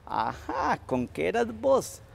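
A man's voice: fairly high pitch, wildly swooping pitch, slow pace, gravelly, heavily acted. A man voicing a cranky old woman cook from a folk tale who threatens and scolds. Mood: threatening.

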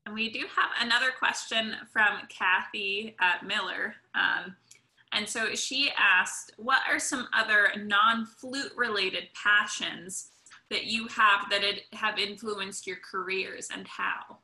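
A woman in her thirties moderates a panel over a video call, reading questions aloud. Her voice is very bright and crisp-edged, and she takes her time at a slow pace. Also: medium pitch, fairly even intonation, low-quality recording. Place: small indoor room on a video call.

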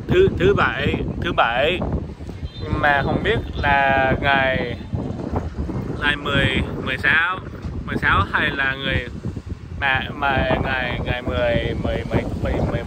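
A man in his twenties, a native English speaker, speaking broken, foreign-accented learner's Vietnamese in a casual vlog, repeating words as he searches for them. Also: fairly high pitch. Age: 20s. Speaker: vlogger. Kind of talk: casual walking vlog, language practice. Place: outdoors on a street between apartment buildings. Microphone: phone at arm's length. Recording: windy outdoor phone recording, clear background noise.

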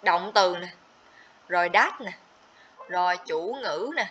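Bright-voiced woman teaching. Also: on the low side, slow pace, slight background noise. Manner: explains step by step, checks in with students often. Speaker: TOEIC teacher. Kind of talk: livestream grammar lesson. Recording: slightly dull lo-fi audio.

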